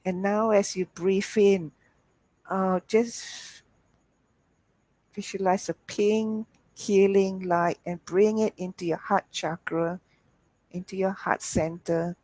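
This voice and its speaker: Woman, soft soothing spa-style guided meditation, slow gentle delivery, dry close sound. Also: mid-range voice, no room sound, rough recording. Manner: slow, gentle, calming instruction. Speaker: healer hosting an online healing show. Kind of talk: softly spoken guided relaxation.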